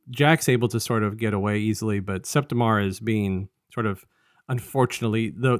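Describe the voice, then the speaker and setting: On a podcast reviewing an audio drama, a male co-host with a lowish voice recaps the story casually, rambling along and slipping into paraphrased dialogue. The audio is studio quality with no echo.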